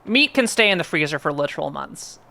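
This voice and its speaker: A woman's voice: low-pitched, animated, moderate pace, gravelly, pushed and bright, a little hiss or hum. A woman streamer chatting casually with her viewers while playing a game, rambling and answering chat.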